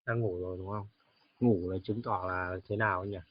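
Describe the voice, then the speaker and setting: A man teaching English to a child, patient and coaxing, slowly repeating words to model how they sound. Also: low voice, steady tone, no echo. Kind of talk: one-on-one English lesson for a child. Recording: dull, dry lo-fi recording.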